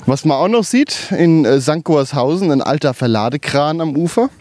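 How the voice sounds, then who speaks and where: A man's voice: fairly high pitch, animated, moderate pace, darkish tone, no echo. A man hosting a hiking podcast outdoors, explaining things in a casual, conversational way as he walks. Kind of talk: casual on-location commentary.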